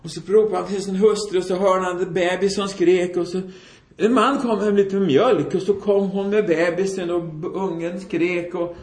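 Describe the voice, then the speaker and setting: A man preaching a sermon, telling a story and acting out the voices in it. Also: sits high. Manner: animated storytelling, acts out quoted voices. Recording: echoey room.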